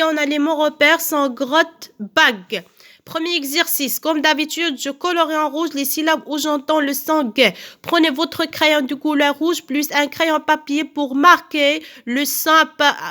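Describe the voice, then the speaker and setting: Slow, clear-speaking woman teacher. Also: high-pitched, fairly even intonation, bright, forceful tone. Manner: slow, careful, repeats words and claps out syllables. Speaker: primary school teacher. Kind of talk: recorded phonics lesson for children.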